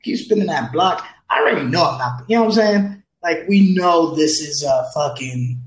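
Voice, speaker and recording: A man's voice: on the high side, animated. Man co-hosting in a roomy echo. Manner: joking, drawn-out storytelling. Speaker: podcast co-host. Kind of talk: casual chat.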